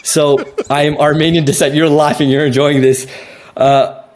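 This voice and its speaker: A young Canadian man answering interview questions in a casual, animated way, laughing easily and often restarting his sentences. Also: fairly high pitch, normal speed. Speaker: guest.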